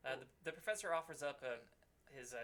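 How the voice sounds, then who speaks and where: Middle aged guy, bright punchy voice, game master chatting about his campaign, wry little asides. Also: on the high side, expressive, quick pace. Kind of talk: casual storytelling chat.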